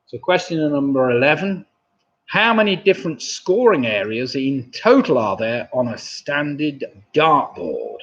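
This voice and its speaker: A man's voice: medium pitch, very animated, a little slow, fairly bright tone. A man in his sixties hosting a live online pub quiz from home, chatty and chuckling at viewers' jokes, on a webcam mic. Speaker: quizmaster. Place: home room, indoors. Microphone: webcam mic, seated at desk. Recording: dull lo-fi webcam audio.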